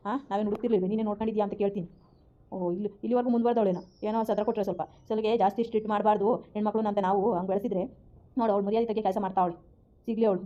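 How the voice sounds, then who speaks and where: A furious middle-aged mother-in-law, played by a woman fires off scolding and threats at breakneck speed. Her pitch sits at an ordinary middle level. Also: warm tone, dull audio, lightly acted.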